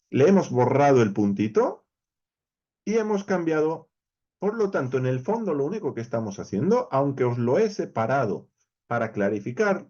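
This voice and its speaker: A man's voice: medium pitch, darkish tone, dull audio. A man with a Spain Spanish accent teaching a verse-by-verse Bible study lesson, explaining animatedly and speaking straight to his viewers.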